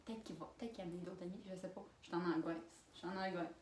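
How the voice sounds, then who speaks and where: In this storytime vlog, a young Québécoise alone in a room races through an anecdote, laughing and exclaiming loudly in a fairly low-pitched female voice. Slight background noise and roomy sound come from a distant camera mic.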